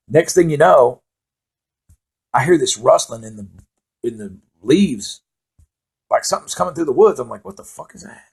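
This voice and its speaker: A middle-aged man with a gravelly, slightly raspy voice tells a story in a loose, rambling way, swearing constantly. He laughs at his own tale now and then and keeps a plain, casual pace. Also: medium pitch, darkish tone.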